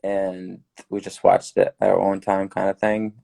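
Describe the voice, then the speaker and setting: A young man from Syria, a newly graduated dentist, giving earnest, relaxed advice as a podcast guest. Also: deep voice, measured pace, gravelly. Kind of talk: casual podcast chat.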